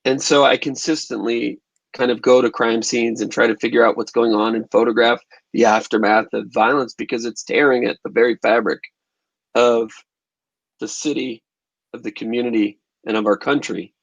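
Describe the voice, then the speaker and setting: Gravelly-voiced guy talking over a dull video call, dry sound, restarts a lot. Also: medium pitch, fairly even intonation, moderate pace, dry recording. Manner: thoughtful, restarts phrases while recalling events. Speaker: documentary filmmaker and photographer. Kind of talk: conversational interview answers.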